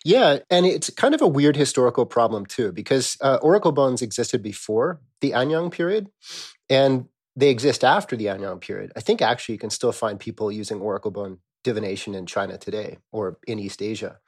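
In a conversational scholarly interview, a man speaking as an academic expert explains things animatedly, using rhetorical questions. His mid-range voice is husky and his pace brisk.

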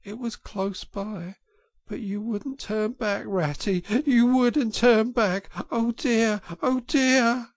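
A man's voice: sits high, steady tone, slow, no echo, voice pushed up. A man voicing a heartbroken timid male mole, crying and stammering as he pleads.

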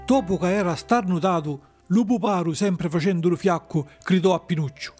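A man narrating a storybook tale in a lively, rustic way, with faint music behind. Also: sits high, moderate pace.

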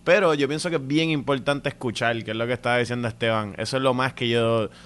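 A man's voice: mid-range voice, fast, a bit bright. A man, a stand-up comedian chatting casually and candidly as a guest, swearing freely. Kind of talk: casual podcast chat.

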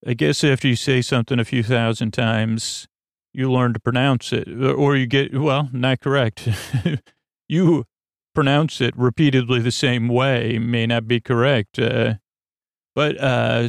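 A man hosting a sleep podcast, talking in a slow, creaky, rambling bedtime monologue full of stumbles and self-mocking tangents. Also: medium pitch, no room sound, studio quality.

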